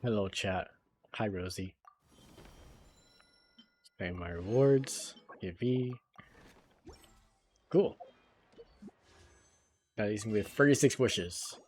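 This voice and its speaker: A man's voice: on the low side, slow pace, pauses often, a little mellow, soft background music. A man giving casual, rambling gameplay commentary on a livestream, talking into a headset mic and swearing now and then.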